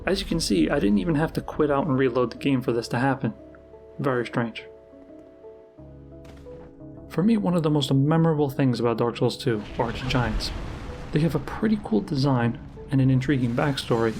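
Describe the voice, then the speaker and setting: A man's voice: mid-range voice, a little fast, gravelly. Man narrating a game trivia countdown over music. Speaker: video game YouTuber, narrator. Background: background music.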